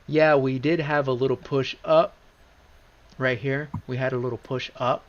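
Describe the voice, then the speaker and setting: A man hosting a live trading stream, talking casually through charts, rambling with many restarts and bursts of excitement. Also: medium pitch, normal speed. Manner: rambling, restarts often, gets excited and repeats himself. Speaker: livestream trading host. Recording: slightly dull lo-fi stream audio.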